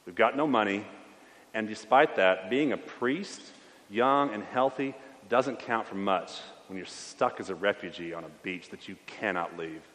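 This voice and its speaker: A man's voice: fairly low pitch, normal speed, fairly bright tone, lightly acted. A man preaching in character as a young Syrian priest stranded as a refugee, speaking in a wistful, weary first-person voice. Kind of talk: sermon monologue in character. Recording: long church reverb.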